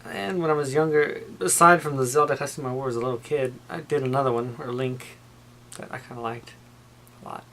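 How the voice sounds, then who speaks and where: A man's voice: medium pitch, steady tone, a little fast, a bit bright, rough recording. A man chatting casually with his girlfriend on her vlog and cracking dry jokes. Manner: joking, dry. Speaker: vlogger's boyfriend. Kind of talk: casual chat.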